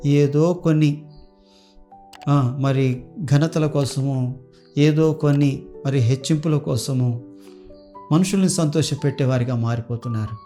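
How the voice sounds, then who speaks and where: A man's voice: medium pitch, fairly even intonation, unhurried, long pauses. A male pastor preaching earnestly, telling a story and leading a prayer. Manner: earnest, repetitive exhortation, storytelling. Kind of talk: sermon and prayer. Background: soft guitar music.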